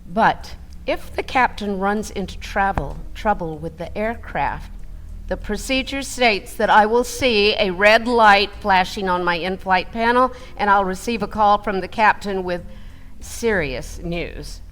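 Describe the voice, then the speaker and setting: Playing an excitable flight attendant in a radio play, a medium-pitched woman tells her training story in an earnest, dramatic, lightly acted way. She speaks deliberately and theatrically in first person, now and then barking loud commands.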